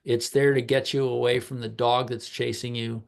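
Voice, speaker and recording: A middle-aged man lectures on health matters over a video call, his mid-pitched voice gravelly with vocal fry. He talks in a loose, conversational way, often pausing on an um or restarting a phrase. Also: flat delivery. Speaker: health practitioner giving a talk.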